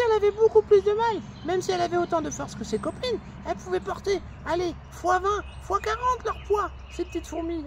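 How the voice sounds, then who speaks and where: In a very high-pitched voice, a woman brings to life a cheerful young male squirrel who tells a children's story chattily, filling it with fillers. There's slight background noise.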